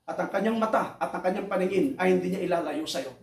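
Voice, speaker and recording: A man preaching a sermon, emphatic, keeps asking the congregation "right?" and bursts into high shouts. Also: fast talker, gravelly. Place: church hall. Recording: echoey hall, voice far from the mic.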